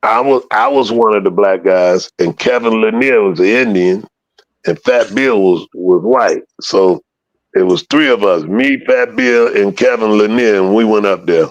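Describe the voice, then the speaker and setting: A gravelly-voiced man spins a story for an interviewer, cursing freely and slipping into the voices of the people he quotes. His pitch sits in a middle range. The recording is dull and lo-fi, with a dry, close sound. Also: a little slow, dry recording. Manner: profane, animated, acts out quoted voices. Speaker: interview guest telling a story. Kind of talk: casual storytelling.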